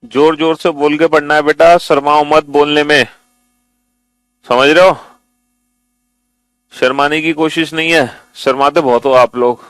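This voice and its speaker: A man's voice: fairly high pitch, little pitch movement, a little slow, long pauses, a bit bright, dry recording, low-quality recording. A man teaching a class, coaxing his students to read aloud, repeating himself often. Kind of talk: classroom lesson.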